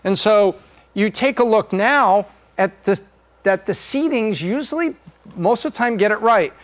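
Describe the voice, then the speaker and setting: Chatty, high-voiced middle-aged man. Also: animated, measured pace. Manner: chatty and joking. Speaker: podcast host. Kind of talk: presenting charts on a podcast.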